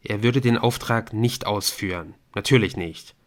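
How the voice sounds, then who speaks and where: A man reading a novel aloud as an audiobook narrator, in a steady, measured storytelling voice. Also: fairly low pitch. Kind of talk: scripted narration.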